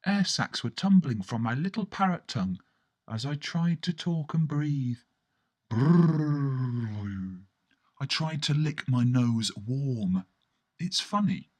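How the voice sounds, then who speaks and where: A storyteller with a medium-pitched, expressive voice performs a surreal radio play monologue in the first person, speaking slowly. He delivers it theatrically, with colloquial asides and sudden exclamations.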